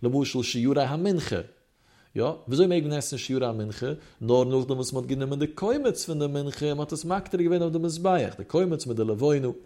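A man teaching in a rising and falling study-hall chant, his voice sitting a little high but sounding dark and mellow. He weaves Hebrew terms through a lecture on religious law. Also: animated, racing. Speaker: Torah teacher. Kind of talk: Yiddish-inflected Talmud lecture.

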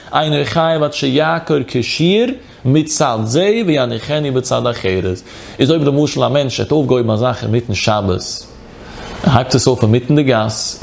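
A man's voice: fairly high pitch, creaky. A man with a Yiddish accent teaching a Talmud lesson in a singsong study chant that keeps rising and falling. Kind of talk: traditional Talmud study lecture.

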